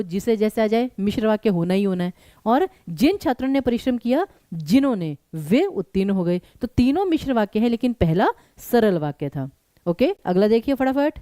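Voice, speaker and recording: A woman teacher, leading a live online exam-prep class and talking straight to her students in an animated way. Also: a little high, dry recording. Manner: animated, addresses students directly.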